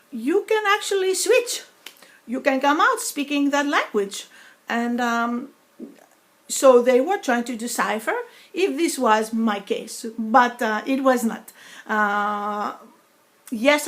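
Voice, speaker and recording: A middle-aged New York woman vlogs about her experience straight to camera, her speech disorder giving her a foreign-sounding accent. She talks slowly and haltingly with many pauses and fillers, dropping in-between words, in a fairly high, slightly bright voice.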